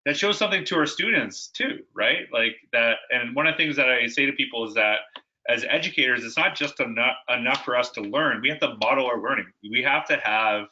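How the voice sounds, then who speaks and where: A male educator speaks as a guest, telling stories and often restarting his sentences. His voice is very bright, at a middle pitch. The recording sounds a little dull and muffled. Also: brisk. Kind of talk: conversational interview.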